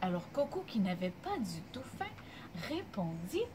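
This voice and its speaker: A young adult woman, a daycare music teacher telling a story to young children in an animated singsong way. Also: medium pitch, normal speed, slight background noise, rough recording.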